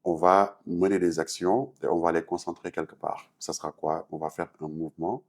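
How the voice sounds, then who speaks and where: Speaking with a Senegalese accent, a man who is an artist and activist answers questions as a talk show guest, explaining earnestly in a French-speaking West African manner. He has a low, darkish voice with a steady tone at normal speed.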